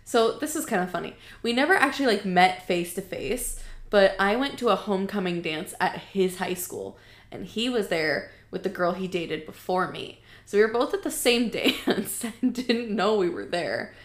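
A woman in her twenties co-hosts a casual podcast chat, chatty and laughing often, with plenty of filler words. Her voice is medium-pitched and animated at a normal speed, and the room sounds echoey.

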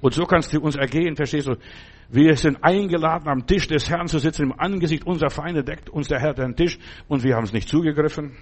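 This male preacher's voice is a little high, fast, slightly mellow and husky. He delivers a casual, conversational sermon, repeating himself often, restarting phrases and wandering into asides.

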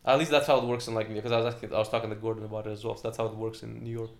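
A man's voice: fairly low pitch, flat delivery, racing, creaky. A young British man, a stand-up comedian, chatting casually in a rambling way with lots of fillers and restarts. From Britain. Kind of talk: casual chat.

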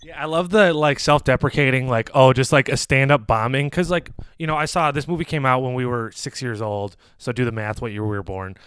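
Rambling young man with a smooth voice. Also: medium pitch, fairly quick, hardly any pauses, no echo, studio quality. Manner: rambling, filler-heavy, animated when retelling jokes. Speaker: podcast co-host. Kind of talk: casual movie review chat.

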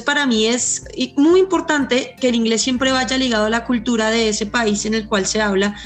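Earnest Colombian woman teacher explaining. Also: on the high side. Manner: earnest, fluent, explaining with examples. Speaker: English teacher. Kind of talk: explanatory panel answer.

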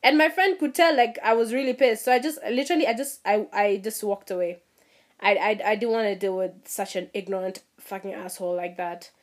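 A young woman from Kenya ranting casually to her viewers, animated and laughing, swearing freely and mimicking people. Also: a little fast. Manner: animated, swearing, mimics others in high voices, laughs at herself. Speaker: vlogger. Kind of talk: casual rant to camera.

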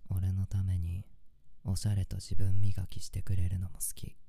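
A man playing an affectionate, teasing young boyfriend on an intimate late-night call, murmuring softly as if sleepy. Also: low voice, a little slow. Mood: tender. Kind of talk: intimate boyfriend role-play audio.

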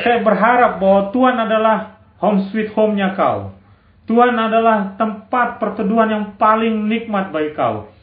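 A man preaching in a high, ringing voice, pressing his listeners with question after question and repeated amens. The sound is thin and phone-like, and the room is echoey. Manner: exhorting, rhetorical questions, frequent "amin". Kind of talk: sermon.

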